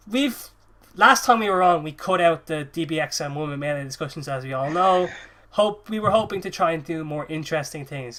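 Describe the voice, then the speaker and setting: Sniffling from a cold, this early-twenties man hosts a casual podcast, rambling on and laughing and swearing without restraint. His voice sits at a fairly high pitch and sounds pushed and bright.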